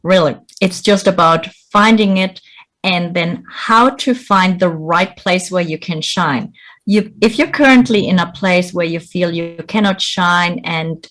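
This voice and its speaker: A middle-aged woman from Bolivia, an executive coach giving earnest, encouraging interview answers. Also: fairly low pitch.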